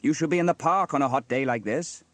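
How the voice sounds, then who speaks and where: A man's voice: fairly high pitch, fast, no echo, pitched above the performer's own voice, lightly acted. A man voicing a cheerful, kindly inventive fireman uncle with a hearty manner in a children's story. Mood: jovial. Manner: hearty, exclaiming.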